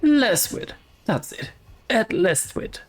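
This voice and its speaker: A woman's voice: mid-range voice, sing-song, slow, pitched above the performer's own voice. A woman voicing a cheery male ghost gardener who has lost his head, talking in rustic working-class slang.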